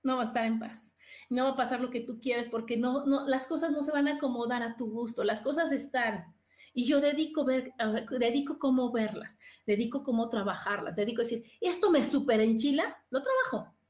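Expressive high-voiced Mexican woman. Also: a little fast, echoey room. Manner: expressive, acts out inner voices, many restarts. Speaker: podcast host. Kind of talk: casual live podcast chat.

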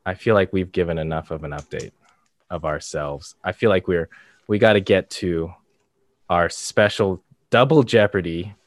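Male podcast co-host, low register, monotone and casual, recorded dry and close. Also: moderate pace, no echo. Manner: monotone, flat delivery.

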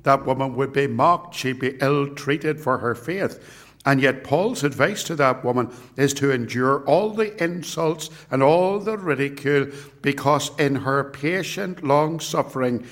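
Male preacher, mid-pitched, slow deliberate sermon and scripture reading, rhetorical repetition. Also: a bit bright.

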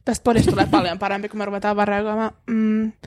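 A woman co-hosting a podcast in casual chat, telling stories and acting out what people said. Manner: animated storyteller, acts out quotes in a high voice. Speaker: podcast co-host.

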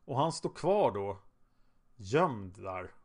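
A man's voice: on the low side, big pitch swings, a little mellow. Casual male true-crime storyteller. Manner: conversational, with hesitant fillers and restarts. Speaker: podcast narrator.

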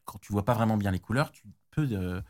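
A man's voice: fairly low pitch, expressive, a little fast. A man explaining technical standards in casual chat, slangy, with many restarts and fillers. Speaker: tech guest expert.

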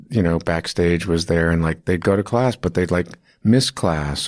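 A man in his fifties, an acting teacher, tells long, rambling stories in a casual interview, full of restarts and fillers. His voice is low-pitched and a little mellow, captured in studio quality with no room sound.

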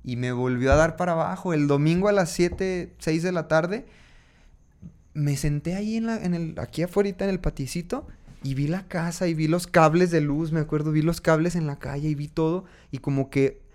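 A man, hosting a casual podcast and telling a personal story in an animated way, voicing his own inner dialogue. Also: on the high side, moderate pace.

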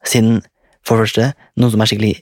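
A man's voice: on the low side, level tone, a little mellow, no echo. A young man casually telling a story in a rambling way. He swears often and laughs as he goes.

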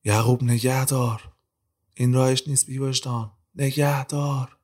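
A man voicing a panicked young male ex-convict who begs and shouts, close to tears, in an audio drama. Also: lowish voice, level tone, gravelly. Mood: shouting. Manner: shouting, pleading.

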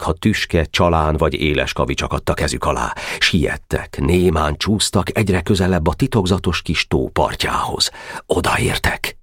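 Male audiobook narrator, very deep voice, lively intonation, dry close recording. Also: no echo. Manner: reads all the boys' parts himself, whispering and calling out in the tense night scenes. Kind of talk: audiobook reading of a classic novel.

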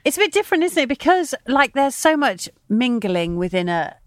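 A woman's voice: high-pitched, big pitch swings, normal speed, dry recording, studio quality. A woman co-hosting a podcast, bubbly and teasing, laughing often. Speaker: podcast co-host. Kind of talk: casual chat.

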